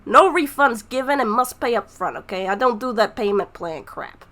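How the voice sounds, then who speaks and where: A woman voicing a pushy male shopkeeper's magically amplified greeting, a booming voice that plays when customers enter, delivered as brash salesman patter. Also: lively intonation, normal speed, fairly bright tone. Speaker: game master.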